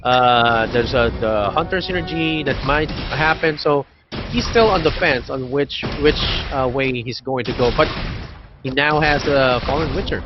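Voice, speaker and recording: A man co-casts an esports match live, pausing often and filling the gaps with fillers. His voice comes through muffled, lo-fi stream audio. Loud game music plays underneath. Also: mid-range voice. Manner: halting, with many fillers. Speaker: esports caster.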